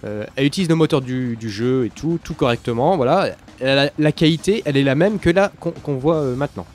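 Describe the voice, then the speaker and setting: A young man casually commenting on a shooter game as he plays, rambling, losing his thread and filling pauses with many hesitations. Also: mid-range voice, darkish tone. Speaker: let's play commentator. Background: game sounds and music.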